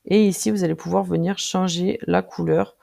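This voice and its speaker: A presenter walking viewers through a design tool in a casual screen-recorded tutorial, speaking directly to them and pausing often with filler sounds while clicking. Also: mid-range voice, fairly even intonation, vocal fry, mellow. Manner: friendly, addresses viewers directly.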